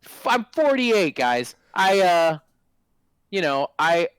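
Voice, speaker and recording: A man in his forties, a guest on a stream interview, chatting in an excitable, casual way with lots of restarts and swearing. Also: high voice, slow, clear, resonant tone, dry recording, low-quality recording. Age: 40s. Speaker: guest, former game product manager.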